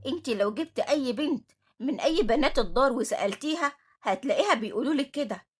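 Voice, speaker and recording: A woman's voice: high voice, animated, fast, slightly rough. A woman with an Egyptian accent reading the part of a scheming older female supervisor, protesting defensively.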